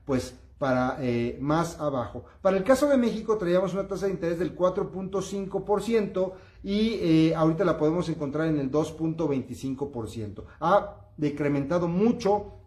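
A man's voice: a little high, animated, moderate pace, a little mellow, echoey room. A man giving upbeat, coaxing finance commentary, hesitating often with filler sounds. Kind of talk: informal money commentary to camera.

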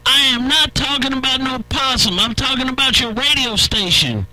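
Sharp, high-voiced man teasing on CB. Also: expressive, moderate pace, dry recording, low-quality recording. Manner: teasing, scolding banter. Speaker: CB radio operator. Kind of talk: CB radio chatter.

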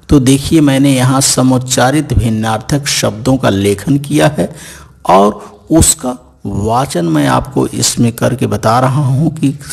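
A man teaching a grade-five language lesson, slowly and deliberately repeating each word before explaining its meaning. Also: mid-range voice, gravelly, slightly rough. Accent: Hindi.

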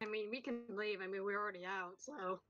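A woman's voice: mid-range voice, a little fast, a bit bright, dull audio, faint music behind. A woman playing a game with friends, chatting casually and insisting she knows the answer. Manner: insistent, sure of her guess. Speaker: fellow player. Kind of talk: casual gaming chat.

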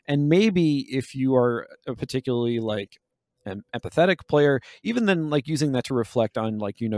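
With a slightly mellow, mid-range voice, this man hosts a podcast and picks apart games at length, breaking off to reword his thoughts as he goes. The sound is studio quality and echo-free.

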